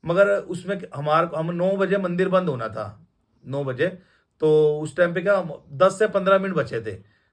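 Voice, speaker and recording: A young man recounts a personal story in a loose, rambling way, stopping and restarting often. His voice sits a little higher than most men's. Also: animated, a little slow. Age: young adult. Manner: rambling, with many restarts and fillers. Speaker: devotee sharing a testimony. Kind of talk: casual storytelling testimony.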